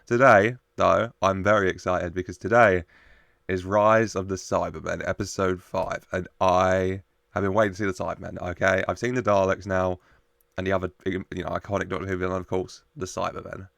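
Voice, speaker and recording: A man hosts a casual reaction show in a low voice with plenty of fry. The recording is dry and close, and his commentary is chatty and jokey. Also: level tone, normal speed, fairly bright tone, no room sound. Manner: jokey, chuckles often while talking.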